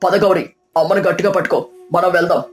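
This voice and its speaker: A woman voicing a humble village man who speaks firmly and earnestly, lower and louder than her narration. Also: fairly even intonation, a little fast, faint music behind, lightly acted. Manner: firm, earnest.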